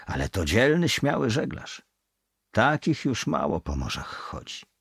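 A man voicing a guarded, superstitious ship's bosun who talks in a hushed, secretive way. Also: mid-range voice, big pitch swings, unhurried, vocal fry, breathy edge, dry recording, clean studio sound, voice pushed up, exaggerated voice. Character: evasive, superstitious middle-aged male ship's bosun.

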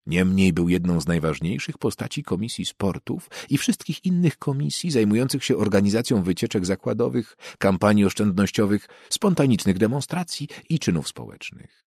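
Deep, husky male audiobook narrator. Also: darkish tone, no echo, studio quality. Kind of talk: scripted narration.

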